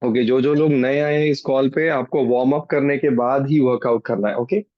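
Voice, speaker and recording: A man's voice: medium pitch, steady tone, normal speed. A man with an Indian accent coaching a live group workout in Hindi and English, urging people on with repeated short commands and counts. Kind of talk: live exercise class instruction, mixing Hindi and English. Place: online group video call. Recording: dull, roomy video-call audio.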